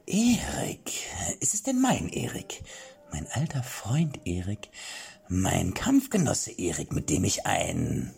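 A man voicing a deranged old male king in an audiobook, with a high, shrill, old-sounding voice that drops into manic whispers. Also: huge pitch swings, takes it slowly, a little mellow, full character voice. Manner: manic, sing-song, sudden whispers and shrieks. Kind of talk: audiobook character voice. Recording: clear background music.

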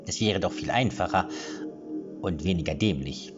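A man's voice: deep voice, moderate pace, close to an everyday voice. A blunt, sulky young captive, voiced by a male narrator, who grumbles his objections in a dry, matter-of-fact way. Music plays underneath dull, lo-fi audio. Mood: grumbling.

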